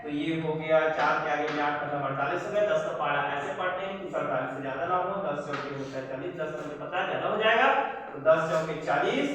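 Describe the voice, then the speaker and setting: A man teaches maths with a high, bright voice, reading out each figure slowly as he works the problem through. He stands well away from the mic in a room with a long, ringing echo. Faint hiss sits under his voice. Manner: reads out figures slowly, step by step; says "friends" and "yaar" to the viewers. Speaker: maths tutor. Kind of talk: working a problem on the board. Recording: echoey room, far from the mic.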